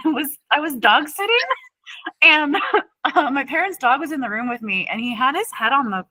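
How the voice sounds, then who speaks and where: A woman's voice: sits high, animated, moderate pace, sharp tone, no room sound, rough recording. A woman co-hosting a podcast, chatting casually and telling anecdotes with frequent laughter. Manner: chatty storyteller, laughs often. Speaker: podcast co-host.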